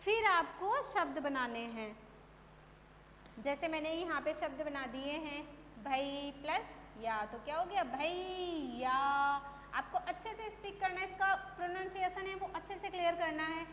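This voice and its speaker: A woman teacher giving a phonics lesson to children, drawing out each word slowly and stressing syllables, then explaining briskly. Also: very high voice, fairly bright tone. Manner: slow drawn-out drilling of words, then brisk explanation. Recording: echoey room, faint hum.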